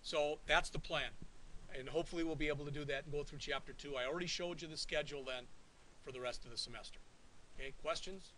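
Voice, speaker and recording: A man lectures a college class in a bright, forceful voice that sits a little high. He keeps it conversational and keeps checking that the students follow. A faint hiss runs under the classroom recording. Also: fairly even intonation, quick pace, rough recording. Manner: conversational, checks in often with "all right?". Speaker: college instructor.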